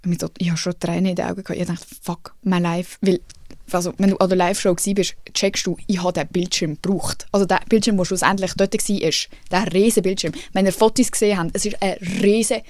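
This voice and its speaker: A woman's voice: on the low side, fairly quick, no echo. Chatty young Swiss woman, dry sound. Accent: Swiss German. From Switzerland. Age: young adult. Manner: lively, swears casually, mixes in English phrases. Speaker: podcast host. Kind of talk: casual storytelling chat.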